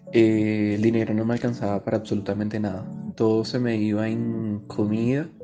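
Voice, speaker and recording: A Venezuelan man in his twenties, a journalist giving a reflective personal testimony with pauses and hesitations. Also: lowish voice. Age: 20s.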